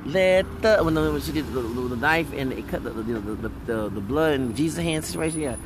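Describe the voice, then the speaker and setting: Recorded outside near a street with some background noise, this man in his forties hosts his podcast as a relaxed monologue. He's talkative and keeps slipping into snatches of songs, speaking a little fast at a medium pitch with lively intonation.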